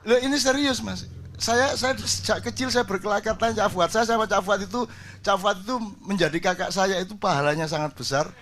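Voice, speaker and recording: A man's voice: sits high, a little fast, a bit bright, slight background noise. An older man, telling jokey stories in a casual sermon to a gathering. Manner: jokey storytelling, switches into Javanese. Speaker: preacher.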